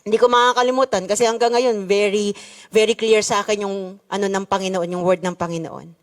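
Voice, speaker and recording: A woman's voice: mid-range voice, steady tone, brisk. A middle-aged woman pastor with a Filipino accent, preaching a sermon in a church and switching between Tagalog and English. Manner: preaching in mixed Tagalog and English with rising emphasis.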